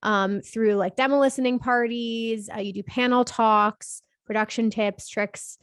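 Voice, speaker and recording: A woman's voice: a little high, steady tone, measured pace, dry recording, studio quality. Bubbly, upbeat woman podcast host. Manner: bubbly, enthusiastic, many fillers. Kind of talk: casual interview chat.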